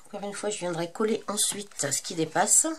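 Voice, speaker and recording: Speaking with a medium pitch at a moderate pace, a crafting channel host with a French accent leads a tutorial despite being congested with a cold. Her delivery is casual and hesitant, marked by many fillers and self-corrections.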